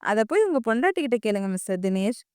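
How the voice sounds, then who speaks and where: A bitter, sarcastic young man sneers in a low, fast voice, as a woman reads him in an audio story. The voice is clear and dry, right at the mic. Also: sing-song, darkish tone, dry recording.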